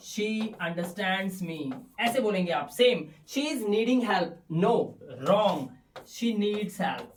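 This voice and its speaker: Man teaching grammar in an echoey room. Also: very high-pitched. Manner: explains step by step with rhetorical questions; reads English example sentences slowly. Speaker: English teacher. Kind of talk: grammar lesson. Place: teaching room in front of slides. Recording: roomy echo, voice from far off.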